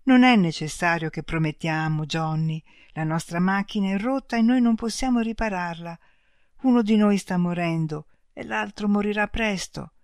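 A reader voicing two kind, dying alien beings who speak slowly and gently in an audiobook. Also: medium pitch, no echo, clean studio sound, natural voice. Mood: sad. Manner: slow, gentle, speaking in unison. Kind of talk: audiobook reading.

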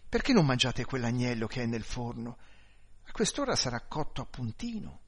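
Brief: polite, soft-spoken young widow, done by a male reader; pleading, courteous. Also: mid-range voice, big pitch swings, moderate pace, husky. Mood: gracious.

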